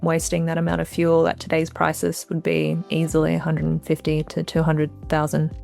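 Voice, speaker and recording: A woman with a low, gravelly voice moderates a panel, engaged and asking questions with slight hesitations. Faint music runs behind her. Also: monotone, normal speed, a little mellow.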